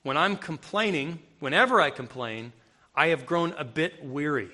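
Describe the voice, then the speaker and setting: Man, high voice, bright tone, conversational sermon, emphatic bursts. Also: animated, normal speed. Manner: conversational preaching with emphatic, rising outbursts. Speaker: preacher. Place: room with a live audience.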